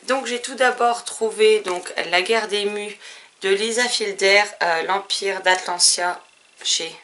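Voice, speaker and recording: A woman's voice: medium pitch, slow pace, bright, forceful tone, slight background noise. A woman vlogger chatting casually about her book purchases, rambling and full of hesitations. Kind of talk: casual book haul chat.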